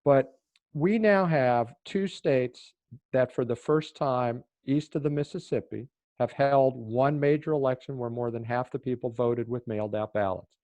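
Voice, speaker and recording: An older man from Oregon, a former official on a panel, explaining at length in a measured way, with some fillers and restarts. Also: medium pitch, darkish tone, dry recording. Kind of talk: panel discussion answer.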